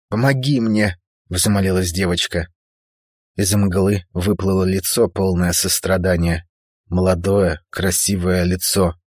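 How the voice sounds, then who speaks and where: A man reading a novel aloud in a very low, husky voice. His delivery is measured and dramatic. The recording is dry and close, with no room sound. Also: dry recording. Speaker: narrator. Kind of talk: scripted audiobook narration.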